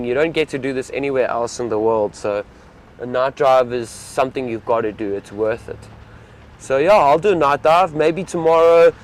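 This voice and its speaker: A young man speaks outdoors from an open safari vehicle, chatting casually with live-stream viewers. He is an enthusiastic safari field guide who rambles as he talks. His voice sits a little high for a man.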